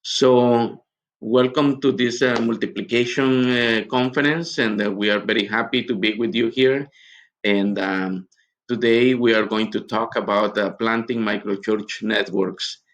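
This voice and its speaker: A man from Guatemala, a missionary giving a recorded conference teaching talk in an earnest, halting way with many pauses. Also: mid-range voice, steady tone, fairly bright tone.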